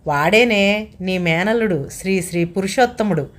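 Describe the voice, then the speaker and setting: A woman narrator voicing a retired husband in his sixties, calling out loudly to his wife. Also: medium pitch, moderate pace, lightly acted. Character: retired man of 62, weary husband.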